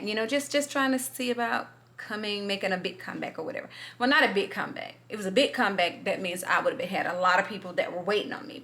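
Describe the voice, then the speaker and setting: A middle-aged woman vlogger chats casually through a get-ready-with-me video, rambling and repeating herself while talking with a swollen lip. Her voice is fairly high, bright, and forceful.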